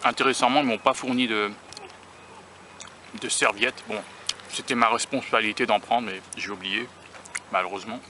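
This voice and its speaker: A man's voice: lowish voice, steady tone, moderate pace, long pauses, bright, forceful tone. Rambling man vlogging outdoors in traffic. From United States. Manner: musing, rambling, self-conscious, with frequent restarts. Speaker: food-tasting vlogger. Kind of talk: casual vlog while eating. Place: outdoors by a beach near rail tracks. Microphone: handheld camera or phone filming himself. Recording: outdoor traffic and vehicle noise.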